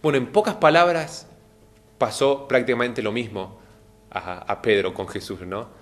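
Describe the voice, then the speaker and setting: A man preaching a televised sermon, speaking straight to his listeners and acting out the quoted lines with lively jumps in pitch. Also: measured pace. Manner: animated, acts out quoted lines with rising pitch; addresses the audience directly.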